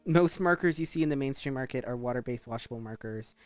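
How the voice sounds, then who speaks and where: A man talking casually and with some swearing as a streamer who draws live, rambling in an animated way. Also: medium pitch, quick pace, lo-fi sound, faint music behind. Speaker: streamer drawing art live. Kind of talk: casual livestream chat while drawing.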